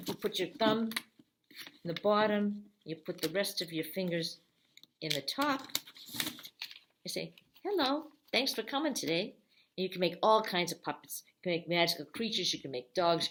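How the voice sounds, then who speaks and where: A woman's voice: on the low side, a little hiss or hum. A woman librarian giving a friendly, step-by-step craft tutorial for kids. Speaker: children's librarian.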